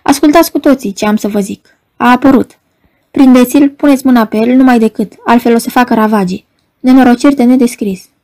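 A woman's voice: on the high side, darkish tone, no echo, natural voice. A woman reading an audiobook voices an agitated young male poet in a frantic, raised voice.

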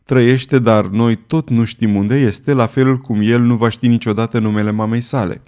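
A man's voice: medium pitch, fairly even intonation, darkish tone, clear, resonant tone, close to an everyday voice. A man voicing a scheming, ruthless queen in an audiobook, commanding and cold. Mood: dismissive. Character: scheming ruthless queen, middle-aged woman. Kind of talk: audiobook character reading.

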